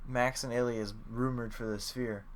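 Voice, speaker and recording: A man's voice: mid-range voice, little pitch movement, normal speed, slight background noise. A young man co-hosting a sports podcast, chatting casually in a rambling way with lots of fillers and the odd swear. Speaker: podcast co-host.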